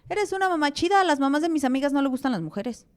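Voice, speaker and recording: A Mexican woman quoting her young daughter, about eleven, speaking softly in a slightly raised voice. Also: high voice, expressive, fast, pitched above the performer's own voice. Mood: cheerful. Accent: Mexican Spanish.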